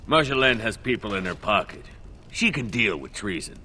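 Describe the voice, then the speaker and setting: A man's voice: fairly low pitch, sing-song, moderate pace, bright, forceful tone, a little hiss or hum, heavily acted. An actor playing a sly, wry elf apostate man in a fantasy game.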